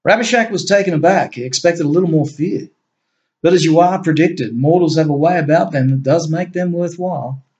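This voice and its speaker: A man reading his fiction aloud as storyteller in a measured way, with the odd slip and self-correction. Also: fairly high pitch, darkish tone, dull audio. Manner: measured reading with small slips. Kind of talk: read-aloud fiction narration.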